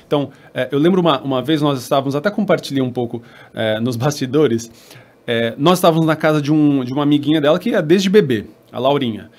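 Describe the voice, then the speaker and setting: Brazilian man host, slightly high voice. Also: quick pace, a little mellow. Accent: Brazilian Portuguese. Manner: storytelling, thoughtful, many restarts. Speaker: podcast host. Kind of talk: casual chat.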